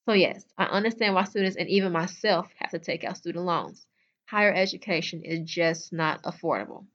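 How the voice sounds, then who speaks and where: A woman's voice: lowish voice, fairly quick, a bit bright, lo-fi sound. A young adult woman hosting a solo podcast, talking bluntly and chattily straight to her listeners. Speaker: podcast host. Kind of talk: casual solo podcast talk.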